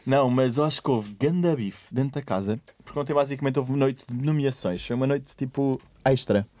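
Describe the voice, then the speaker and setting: Brief: young male co-host, rapid storytelling, dry studio. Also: mid-range voice, warm tone, no echo. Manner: gossipy storyteller, acts out quotes. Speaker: podcast co-host. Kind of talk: casual chat.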